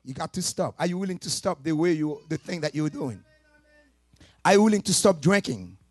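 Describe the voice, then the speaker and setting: A man preaching a sermon, moving between soft talk and shouted, sing-song preaching. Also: a little high, animated, normal speed, no room sound.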